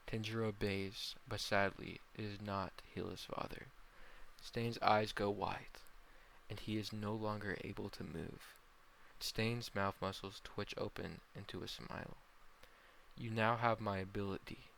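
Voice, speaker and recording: A young man reads a fan-fiction story aloud in a plain, slightly halting way. His low voice has a gravelly fry but still sounds bright and forceful, with a faint hiss of noise under it. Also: fairly even intonation, rough recording. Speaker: narrator.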